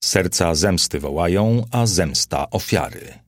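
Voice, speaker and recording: A capricious Roman emperor from an audiobook, put on by a male reader, declaiming with vain theatrical flourish. The voice stays low but lifts toward the top of its range, with a husky grain and a dry, close sound. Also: animated, unhurried, no echo.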